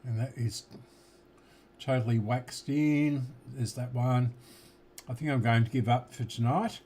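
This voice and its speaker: A slow, unhurried Australian man, mid-pitched, muttering his way through an electronics repair at home. He talks half to himself as he works. A faint background hiss sits under his voice. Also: steady tone, warm tone. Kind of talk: casual workshop commentary.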